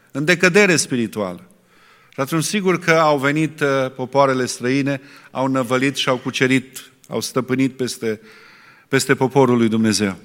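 A man preaching a sermon, asking rhetorical questions and pausing often to restart. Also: mid-range voice, a bit bright. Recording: long reverb in a hall.

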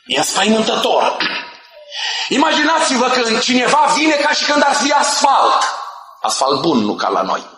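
Bright high-voiced man preaching in an echoey hall. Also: big pitch swings, a little hiss or hum. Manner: emphatic, jokey, bursts into shouts. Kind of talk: sermon. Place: church hall.

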